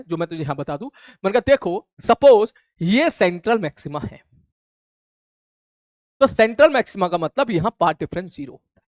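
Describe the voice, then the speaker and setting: A man's voice: sits high, no room sound, studio quality. A man teaching a physics revision class in a chatty, informal way, often checking if students follow. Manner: casual, chatty, addresses students informally, keeps asking "clear?". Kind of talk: live online revision lesson. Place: online class studio.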